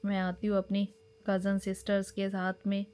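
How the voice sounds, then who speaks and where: A woman's voice: mid-range voice, completely flat delivery, moderate pace, mellow, clear, resonant tone. A woman, chatting animatedly as she shows her wedding album in a family vlog. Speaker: family vlogger. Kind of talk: casual chat while showing wedding album.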